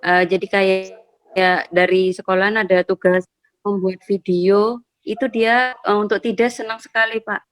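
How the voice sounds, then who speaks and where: A woman's voice: mid-range voice, little pitch movement, moderate pace. A woman parent talking casually on a video call, hesitant with many fillers and polite toward the host. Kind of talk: casual online discussion.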